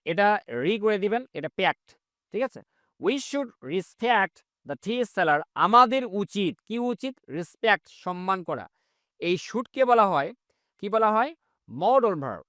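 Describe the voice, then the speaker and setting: Lively high-voiced man teaching English. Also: no room sound, studio quality. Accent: Bengali. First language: Bengali. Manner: slow, drawn-out English model sentences between quick explanations. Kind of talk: teaching English reading in Bengali.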